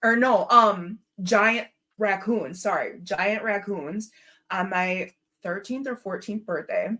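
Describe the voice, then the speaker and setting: A woman telling stories in casual chat, animated and profane, often laughing as she talks. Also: mid-range voice, slow pace. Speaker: talk show participant.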